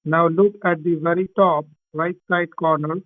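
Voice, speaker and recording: A man's voice: on the high side, fairly even intonation, moderate pace. A man on a phone call, insistently repeating computer instructions, his voice muffled as if heard through a wall. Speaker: refund scam caller. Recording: tinny muffled phone line.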